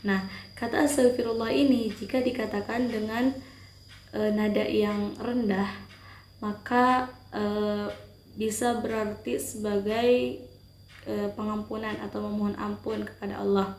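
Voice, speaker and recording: A young woman presents a class topic in a steady, explanatory way, pausing often with hesitant fillers. Her voice rings in a roomy, echoing space. A faint hiss of background noise runs underneath. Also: mid-range voice. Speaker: student presenter.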